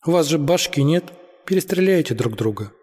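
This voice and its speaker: A man voicing a sensible, wary young woman who scolds the boys, in a husky voice. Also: a little high, animated, brisk, darkish tone, long reverb tail. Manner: reproachful, doubtful.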